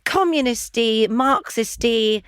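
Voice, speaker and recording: A woman's voice: on the high side, animated, slow, fairly bright tone, clean tone, no room sound. A woman hosting a satirical radio show in a studio, brash and mock-indignant, talking over her guests. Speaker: host.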